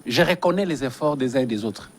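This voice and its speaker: A man's voice: medium pitch, expressive, fairly quick. A man from DR Congo, a guest giving earnest, emphatic political commentary in a studio interview and often repeating his phrases.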